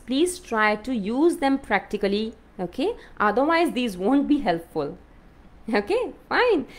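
A woman with an Indian English accent teaching an exam-prep lesson, constantly checking in with "okay?" and "fine?". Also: on the high side. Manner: lively up-and-down teaching voice. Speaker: IELTS coach.

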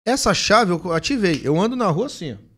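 A man, a pastor telling his testimony in animated, casual conversation and acting out the dialogue. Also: high-pitched, a little fast, breathy edge. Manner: animated storytelling, acts out dialogue.

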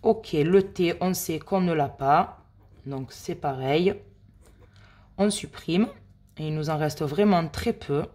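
A woman hosting a scratch-card video, chatting slowly and addressing her viewers as friends while she checks numbers and letters. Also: low-pitched, warm tone. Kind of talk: casual play-by-play commentary.

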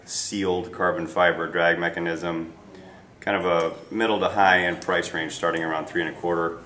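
An American man with a low, sharp voice and flat delivery talks at a moderate pace while casually promoting products in a small indoor shop. His unscripted plugs come in short, clipped phrases, recorded on a distant camera mic a few feet away amid faint noise and echo.

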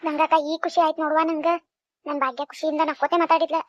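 A woman's voice: high-pitched, little pitch movement, fast, dry recording, lightly acted. A woman voicing a caring, worried older mother with a North Karnataka accent in a cartoon, chatty and fussing. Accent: North Karnataka Kannada. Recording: dry, dull lo-fi sound.

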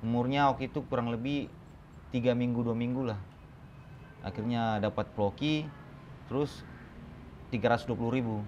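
A young man from the Kei Islands tells his story with energy, and he often jumps into quoted voices and dog commands. His voice sits at a middle pitch, and there is a faint hiss behind him. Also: normal speed, long pauses, highs cut off. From Kei Islands, eastern Indonesia. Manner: animated, acts out quotes and calls. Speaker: dog trainer, guest. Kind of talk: casual storytelling chat.

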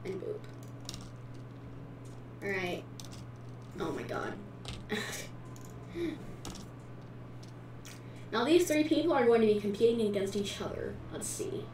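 A woman's voice: fairly high pitch, expressive, normal speed, pauses often. A woman casually narrating a giveaway video as its host, recorded away from the mic in a room. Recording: echoey room, distant mic, faint noise.

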